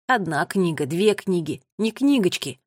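A woman voicing a bookish young boy who explains things in a lower, earnest voice in a storybook. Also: normal speed, no echo, clean studio sound, lightly acted.

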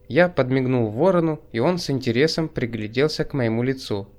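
Бриф: мужчина-чтец, ровное литературное повествование с иронией, голос средней высоты. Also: male voice, medium pitch, fairly quick, a little mellow. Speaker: audiobook narrator. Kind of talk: scripted narration.

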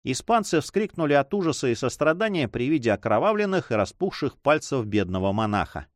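A man narrating an adventure audiobook with animated storytelling. His pitch rises and falls a great deal, and the recording is close and dry with no room sound. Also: brisk, dry recording. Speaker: audiobook reader.

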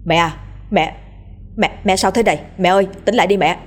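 A woman's voice: medium pitch, brisk, close to an everyday voice. A woman doing an earnest grown son. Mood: alarmed. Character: dutiful adult son, practical and anxious.

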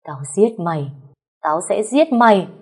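A woman's voice: lowish voice, animated, unhurried, dark tone, slightly rough. A woman voicing an enraged young man bent on revenge in an audio story, speaking through clenched teeth. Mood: furious.

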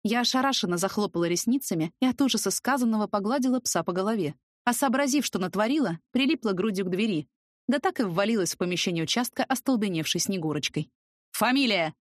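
A woman narrating a first-person audiobook in a lively, expressive way. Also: mid-range voice, quick pace, no room sound, clean studio sound.

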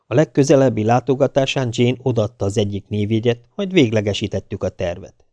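Egy férfi, aki első személyben, élénk mesélő stílusban olvas fel egy hangoskönyvet. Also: male voice, on the low side, animated, warm tone, no room sound, highs cut off. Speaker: audiobook narrator. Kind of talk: first-person audiobook narration.

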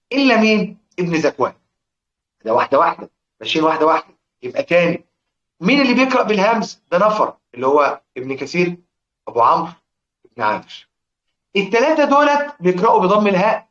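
Egyptian teacher guy, high voice, talks fast, quizzes his class, echoey muffled room. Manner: lively, asks students questions and answers himself, chants verse lines. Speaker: Quran recitation teacher. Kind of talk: classroom lesson explaining recitation rules. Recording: echoey, dull lo-fi room recording.

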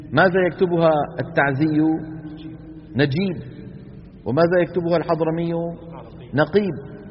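A man, his voice pitched a little high, lectures to a class and keeps asking whether they follow. The recording is dull and lo-fi, with a long reverb from the hall. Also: slight background noise. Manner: explains by example, often checks the class with "انتبهنا؟". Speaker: Quran recitation teacher.

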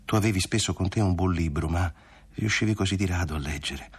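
A man voicing a gentle, grieving young woman in a literary audiobook, with a soft, tender delivery. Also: deep voice, a little fast, husky.

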